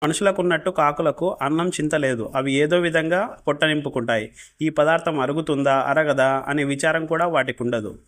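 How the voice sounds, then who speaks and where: A man's voice: fairly high pitch, normal speed. Man narrating a folk tale. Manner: steady, plain storytelling. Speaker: storyteller. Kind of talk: scripted narration.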